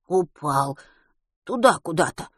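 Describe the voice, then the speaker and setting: A woman's voice: on the low side, animated, takes it slowly, breathy edge, dry recording, clean studio sound, exaggerated voice. A woman voicing an injured schoolboy who speaks in a strained, breathless, pleading way in an audiobook. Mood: pained, weak. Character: injured schoolboy, pained, then desperate and self-sacrificing.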